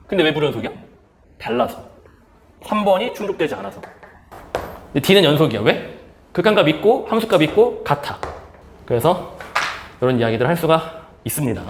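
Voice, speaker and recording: A male math teacher with a voice that sits high gives a casual lecture in plain everyday talk, posing questions to his students and answering them himself. The sound is roomy, with slight background noise.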